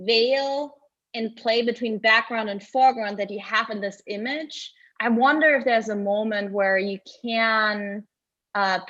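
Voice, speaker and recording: A woman with a German accent giving a halting, filler-heavy critique of student projects over a video call. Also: mid-range voice, fairly bright tone, muffled recording. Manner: hesitant, many restarts and fillers. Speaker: guest critic. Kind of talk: online design review critique.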